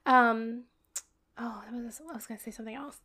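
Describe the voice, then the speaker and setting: A woman's voice: a little high, fairly even intonation, brisk, a bit bright. A woman co-hosting a casual chat podcast with her brother, rambling and hunting for words with lots of ums. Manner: laughs often. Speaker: podcast co-host.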